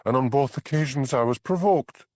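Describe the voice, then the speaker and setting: Defiant young Scottish wife, snarling, pitched high and loud, voiced by a male reader. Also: moderate pace, no room sound. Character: hard-faced defiant young village wife.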